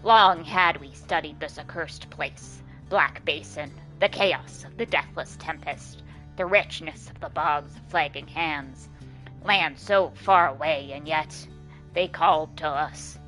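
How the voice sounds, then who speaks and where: A woman voicing an old serpentine bog crone from a game, solemn and deliberate, in archaic formal speech. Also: sits low, bright, forceful tone, faint music behind, voice pushed down, full character voice, low-quality recording. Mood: brooding.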